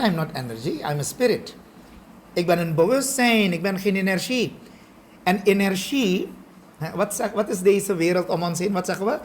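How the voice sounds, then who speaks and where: A man, a spiritual teacher, giving a study lecture and often checking in with a quick "ja?" and a rhetorical question. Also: high voice, a little hiss or hum. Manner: explains with frequent rhetorical questions and "ja?" checks, mixes in English phrases.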